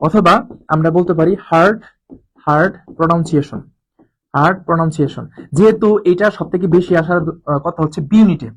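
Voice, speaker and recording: A man's voice: high-pitched, quick pace, low-quality recording. A man tutoring students for a university admission exam in a casual, colloquial way, repeating key terms and asking rhetorical questions. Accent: Bangladeshi Bengali. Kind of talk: informal exam-prep lecture.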